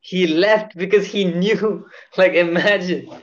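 Young man, casual chat, rambling, swears a lot, slightly high voice, dull lo-fi recording. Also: fairly even intonation, slow, fairly bright tone. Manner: rambling, swearing, filler-heavy. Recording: dull lo-fi audio.

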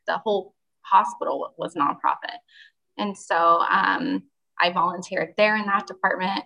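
A woman's voice: mid-range voice, fairly bright tone, rough recording. A woman who runs a youth refugee mentoring program, talking as a podcast guest and explaining things steadily with some ums. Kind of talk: podcast guest, casual talk.

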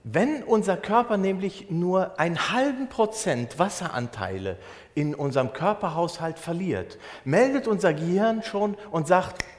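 A German pastor preaching in a conversational way, explaining a Bible verse with everyday examples. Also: male voice, high voice, lively intonation, unhurried. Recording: long hall reverb.

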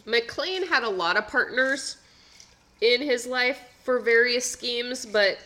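Woman, podcast co-host, casual storytelling, bright clear tone. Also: a little high, slow. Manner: anecdotal storyteller, dry asides. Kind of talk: casual chat telling baseball history.

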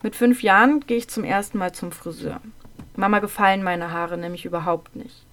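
A woman narrating a childhood memoir in the first person, in a calm, measured way, her phrases often dropping soft at the end. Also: medium pitch.

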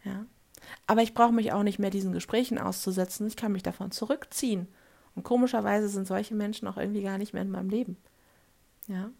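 A woman speaking as a life coach in an earnest, direct motivational monologue to the listener, often checking in with a quick question for agreement. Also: mid-range voice, fairly even intonation, creaky, dark tone.

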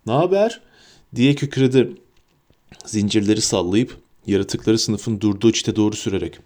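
A man narrating a storybook in a steady, descriptive reading. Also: medium pitch. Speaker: audiobook narrator.

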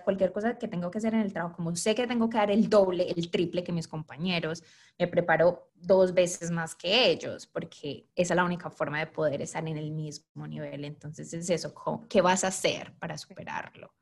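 A woman co-hosting a podcast in casual chat, with a Latin American Spanish accent. Her voice sits a little low, and she talks in an earnest, reflective, talkative way. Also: steady tone, normal speed. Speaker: podcast co-host.

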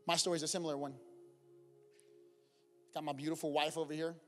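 A man preaching and telling his own story, swinging from loud praise to soft, quiet storytelling. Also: a little high, level tone, fast, long reverb tail, soft background music. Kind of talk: sermon testimony.

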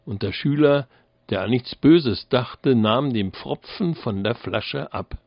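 A man narrating a fairy tale as an audiobook, in a measured, deliberate manner. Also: medium pitch, vocal fry, dry recording, lo-fi sound.

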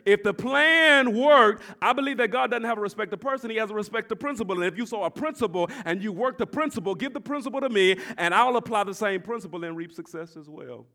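A pastor in his forties preaching a sermon, swinging from shouted exhortation to quiet, confiding talk, and repeating his phrases. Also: high voice, animated, fast, few pauses. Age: 40s. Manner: repeats phrases and tells the congregation to address their neighbor.

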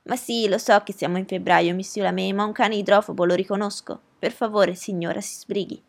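A woman's voice: medium pitch, fairly even intonation, fairly quick, gravelly. A woman voicing a stern, bustling housekeeper who speaks in a firm, raised, commanding way.

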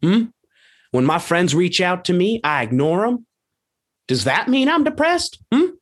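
A man playing an ignorant, blustering small-town male football coach in a comedy sketch, gruff with sudden high-pitched outbursts. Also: big pitch swings, a little slow, heavily acted.

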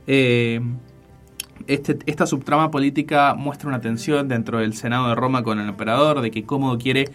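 Host rioplatense hablando de una peli, muy entusiasmado, tono medio, musiquita bajita atrás. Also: male voice, mid-range voice, fairly even intonation, normal speed, fairly bright tone, soft background music. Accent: Rioplatense Spanish. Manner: enthusiastic, with frequent fillers. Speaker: show host. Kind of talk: casual film commentary.

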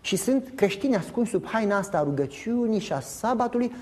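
Un pastor de vârstă mijlocie care predică animat, cu întrebări retorice către adunare și replici jucate. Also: male voice, high-pitched, slight background noise. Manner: animated, emphatic preaching with acted-out dialogue; addresses congregation directly with rhetorical questions. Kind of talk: sermon.

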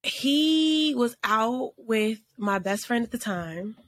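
A woman's voice: on the high side, animated, slow pace. A woman co-hosting a casual podcast, telling a story in a rambling way with many restarts and laughs. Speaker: podcast co-host. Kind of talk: casual chat.

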